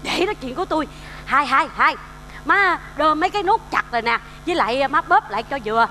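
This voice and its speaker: Playing a doting, scatterbrained and flustered old mother who is fussy and forgetful, an older woman with a Southern Vietnamese accent performs a comedy sketch on stage. Her voice is high-pitched, animated, fast, pushed and bright. Faint music, slight background noise and stage reverb surround her.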